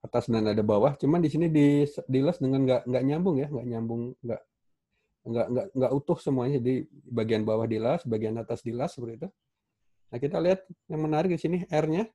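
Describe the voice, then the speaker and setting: Man, Indonesian accent, welding teacher, warm dark voice, casual halting lecture, many fillers, video call mic. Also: medium pitch, breathy edge. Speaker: welding instructor. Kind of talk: online class lecture. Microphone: computer mic on a video call.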